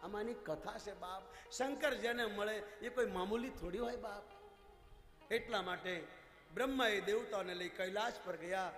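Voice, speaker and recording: A male religious storyteller giving a devotional story sermon, telling it dramatically with swings between loud and soft. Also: high-pitched, moderate pace. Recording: echoey hall, faint music.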